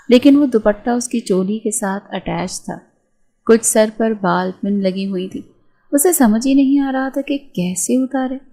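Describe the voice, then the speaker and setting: A woman narrating a romance novel in a steady, measured reading voice. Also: mid-range voice, rough recording. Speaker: storyteller.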